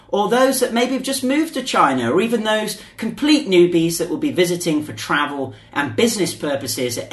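A man's voice: sits high, fairly bright tone. A man hosting a podcast with upbeat, casual banter. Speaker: podcast host. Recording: roomy echo, faint music behind.

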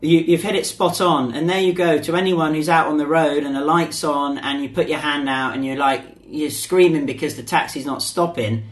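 A man with a slightly high, steady voice co-hosts a relaxed podcast, talking at normal speed with few pauses. He's chatty, tends to repeat himself, and at one point sings a short jingle.

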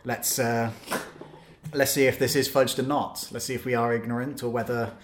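A man co-hosting a casual podcast discussion, haltingly rephrasing as he thinks aloud. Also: medium pitch, little pitch movement. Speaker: podcast co-host. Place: studio. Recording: roomy, echoing studio sound.

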